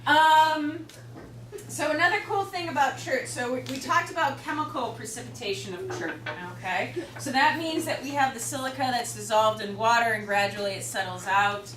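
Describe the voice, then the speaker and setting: A woman's voice: fairly high pitch, normal speed, fairly bright tone. A woman with a Chicago accent teaching a class, chatty and joking, with many fillers. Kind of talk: classroom lecture. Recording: roomy classroom from far off with noise.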